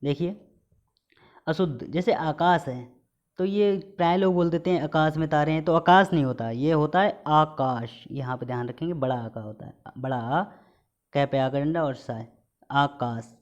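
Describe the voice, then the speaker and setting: A man's voice: a little high, moderate pace, darkish tone. A man teaching Hindi spelling for exam prep, calling out a wrong word and then the right one, over and over. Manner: reads word pairs, correct against wrong, with repeated stress. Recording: dull lo-fi recording.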